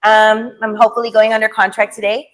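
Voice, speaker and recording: A woman's voice: on the high side, level tone, quick pace, fairly bright tone, low-quality recording. A woman in her forties co-hosting a live show, chatting casually and quizzing the host with an easy laugh. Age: 40s. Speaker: co-host and real estate agent. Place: indoor studio set.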